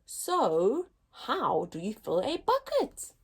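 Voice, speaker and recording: A story time host reads a picture book aloud to young children, slowly and with animation, in a voice that's a little high. Her delivery is expressive, deliberate and teacher-like, and the background is noisy.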